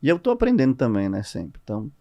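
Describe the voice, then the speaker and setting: A man with a Brazilian accent speaks as a podcast guest. His voice sits at an ordinary middle pitch, and he tells his stories and explains his points with lively, expressive energy. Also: quick pace, muffled recording. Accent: Brazilian Portuguese. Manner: animated, expressive storyteller. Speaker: guest entrepreneur. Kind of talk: casual podcast conversation.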